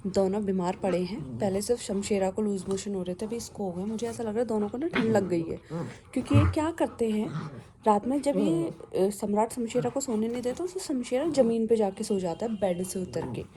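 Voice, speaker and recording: A woman's voice: medium pitch, fairly quick, mellow, a little hiss or hum. A woman narrating her dogs' antics in a casual home vlog, chatty and exasperated, now and then calling out to them. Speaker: dog owner narrating her pets' antics.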